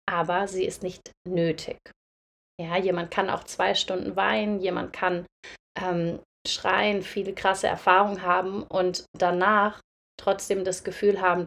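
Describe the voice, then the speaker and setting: A young woman hosting a podcast, speaking in a gentle, reflective monologue directly to her listeners. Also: lowish voice, vocal fry. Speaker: podcast host and breathwork facilitator.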